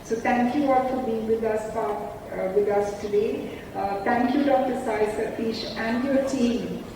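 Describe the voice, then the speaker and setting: A woman's voice: fairly high pitch, fairly even intonation, measured pace. A middle-aged woman with an Indian accent giving a formal speech of thanks from a podium. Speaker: hospital executive giving an address. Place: podium in an event hall. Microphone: podium gooseneck mics. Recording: echoey reverberant hall, distant, noisy.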